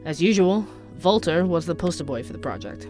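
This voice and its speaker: An actor plays a persistent investigative podcast reporter in an audio drama, narrating in a dry, wry, conversational, matter-of-fact way. His medium-pitched voice is animated, darkish and a little fast, close to everyday speech, with faint music behind.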